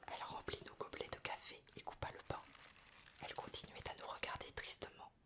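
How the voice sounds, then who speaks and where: A woman reading a novel aloud in a soft, breathy ASMR whisper, in a slow storytelling manner. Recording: piano music behind the whisper. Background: piano music.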